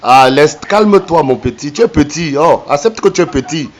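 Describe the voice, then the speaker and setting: A man from Cameroon on a recorded phone call, slow and hesitant when reading numbers back, then taunting the caller with repeated insults. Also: on the high side, expressive. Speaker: phone call recipient exposing a scammer.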